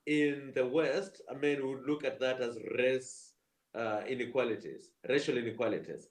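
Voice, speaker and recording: A Kenyan theatre producer speaks earnestly on a video call panel, his medium-pitched voice moving at a normal pace in a roomy-sounding space. He repeats words while searching for the right phrasing.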